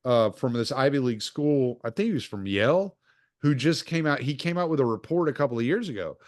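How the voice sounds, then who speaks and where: A man hosting a casual interview podcast, talking in an opinionated, lively way. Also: medium pitch, brisk, no echo, studio quality. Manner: opinionated, animated when quoting others. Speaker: podcast host. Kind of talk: casual conversation.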